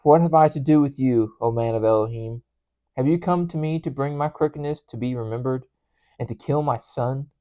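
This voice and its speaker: A man's voice: medium pitch, moderate pace, dark tone, no room sound, dull audio, lightly acted. A man reading as a poor widow mother. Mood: accusing.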